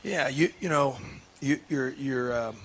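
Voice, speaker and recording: A man's voice: medium pitch, unhurried, slight background noise. A man, a head basketball coach, talking earnestly in a casual radio interview, with many restarts and fillers. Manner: earnest, emotional.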